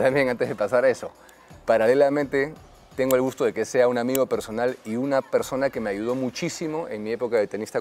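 A man's voice: mid-range voice, a little mellow. A man in his forties hosting an interview on an outdoor tennis court, speaking in a friendly, orderly way with some hesitant fillers. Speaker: host. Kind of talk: casual interview.

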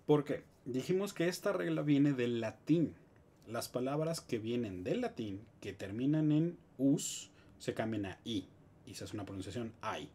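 A man with a Mexican Spanish accent, teaching English grammar in a live stream with lively explanations and joking asides. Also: medium pitch, measured pace, husky.

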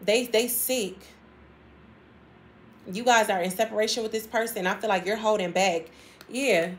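A woman's voice: medium pitch, normal speed, slight background noise. A woman giving a casual tarot reading to her viewers, chatty and emphatic, repeating phrases and laughing often. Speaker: tarot reader.

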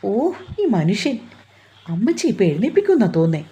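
A woman voicing a shy, anxious young woman in a storybook romance, speaking hesitantly and softly with a husky voice. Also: mid-range voice, big pitch swings, fairly quick. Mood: protesting. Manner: hesitant, pleading, soft.

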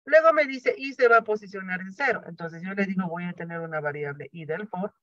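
A man's voice: sits high, fairly quick, fairly bright tone, no room sound. A man teaching programming in a lecture, explaining each step and answering his own questions. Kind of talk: classroom lecture. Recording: dry, dull lo-fi sound.

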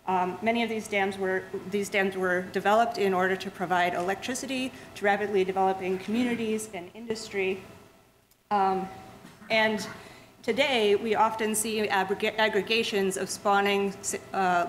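Speaking in a lecture room, a woman who works as a museum lecturer delivers a public science lecture with steady explanations, frequent word restarts and fillers. The audio is poor, with slight background noise, and her voice is medium-pitched.

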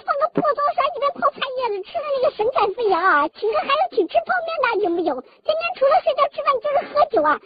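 Woman ranting super fast, swearing, yelling the same line over and over, lo-fi hissy recording. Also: extremely high pitch. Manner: shouting, swearing, repeating a catchphrase. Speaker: student in Korea. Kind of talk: comedic roaring rant. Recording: lo-fi recording with loud hiss.

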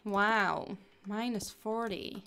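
A woman's voice: medium pitch, fairly even intonation, very slow, pushed and bright, a little hiss or hum. A young woman chatting casually through a game livestream, giggling often and thanking viewers as she plays.

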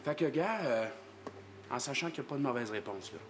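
A man with a Quebec French accent in a comedy sketch, playing a massage therapist who breaks into shrill, high-pitched cries. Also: expressive, brisk, very noisy.

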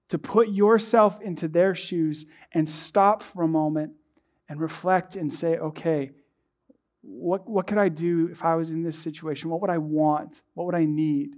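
A young man preaching a sermon from a church stage, earnest and measured, with many rhetorical questions. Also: on the high side. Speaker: pastor. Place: dark church stage, indoors.

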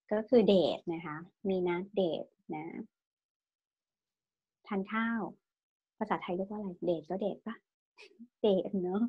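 Woman teacher running an online language class, bit husky, keeps checking if students follow. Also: fairly low pitch, darkish tone, highs cut off. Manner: patient, asks the students questions and drills pronunciation; tag-questions every phrase with polite particles.

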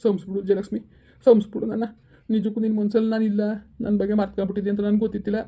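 A woman's voice: mid-range voice, level tone, very fast, warm tone, close to an everyday voice. Woman playing a hurt, resigned village man. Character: sad, devoted young male village friend. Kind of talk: village family skit acting.

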